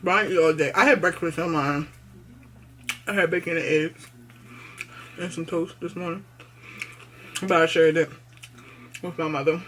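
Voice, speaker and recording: A woman's voice: low-pitched, steady tone, moderate pace, pauses often, a bit bright, slight background noise. A young woman with a Baltimore accent chatting casually to her vlog camera, often talking with her mouth full. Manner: chatty, talks while eating. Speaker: vlogger.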